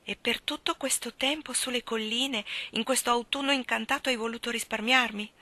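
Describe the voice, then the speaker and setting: A woman reading as a soft-spoken, lovesick male journalist. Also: very high voice, steady tone, moderate pace, pitched above the performer's own voice, heavily acted. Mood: tender. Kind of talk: audiobook reading.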